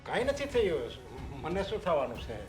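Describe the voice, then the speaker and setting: A man's voice: sits high, sing-song, moderate pace, a little mellow, faint music behind. An actor playing a pushy, meddling middle-aged father-in-law who talks in an insistent, defensive way. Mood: coaxing. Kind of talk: short film acting.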